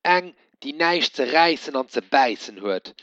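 A man voicing a gruff, grumbling father who dislikes cats, speaking slowly and emphatically. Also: fairly high pitch, expressive, pushed and bright, no echo, voice pushed up. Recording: dull dry lo-fi recording.

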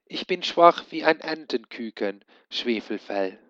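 A man's voice: mid-range voice, lively intonation, unhurried, fairly bright tone, no room sound. A man voicing a noble silver dragon who sounds tired and weak. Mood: weary. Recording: dull lo-fi recording.

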